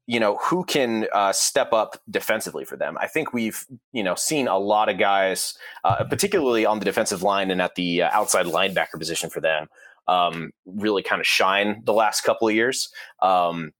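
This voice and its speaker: A man's voice: fairly low pitch, normal speed, fairly bright tone, no room sound. A man co-hosting a sports podcast, talking casually with frequent fillers. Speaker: podcast co-host.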